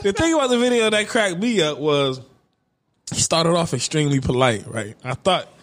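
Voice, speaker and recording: A young man co-hosting a podcast in casual chat, animated, laughing often and acting out quotes. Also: moderate pace. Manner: animated, loud laughter, acts out quotes with a raised pitch. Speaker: podcast co-host.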